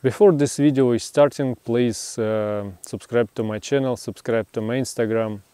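A man in his thirties with a Russian accent, introducing his vlog in simple, halting English, recorded outdoors with a lapel mic. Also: medium pitch, steady tone, warm tone, clear, resonant tone, no room sound. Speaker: vlogger. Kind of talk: casual vlog intro and interview. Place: outdoors on a rural overlook.

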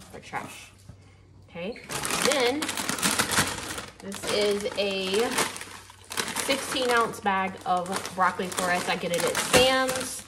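A woman with a mid-range voice hosts a home cooking video, chatting casually while working with her hands at the kitchen counter and giving relaxed cook-along instructions. An overhead camera frames the counter. The recording is very noisy, full of the clatter and clinking of dishes and pans.

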